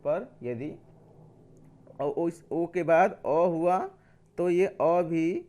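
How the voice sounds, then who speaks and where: A man's voice: a little high, drawn-out words, warm tone. A man teaching a grammar lesson, explaining step by step, asking questions and answering them himself, and repeating key points.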